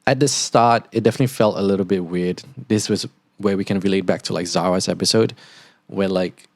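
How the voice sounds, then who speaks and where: A low-voiced Singaporean man, whose accent has partly shifted toward Australian, delivers a casual podcast monologue. He's a podcast host and international student who rambles a little fast, fills his talk with "like," and keeps a fairly even intonation. The recording is dry.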